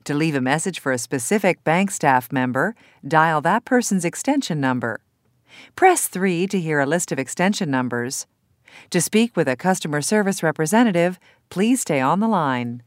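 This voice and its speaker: Woman acting as phone menu voice, female, lowish pitch, scripted announcement, measured, instructional, dry studio sound. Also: big pitch swings, no echo.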